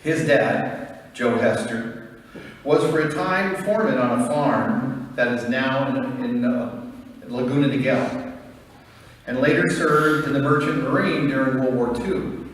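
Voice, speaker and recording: A middle-aged American man delivers a prepared eulogy as a son, in a solemn, measured storytelling manner. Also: mid-range voice. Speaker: son giving a eulogy for his father. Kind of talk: prepared memorial speech. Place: large reverberant room. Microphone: distant microphone. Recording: echoey hall, distant mic, faint noise.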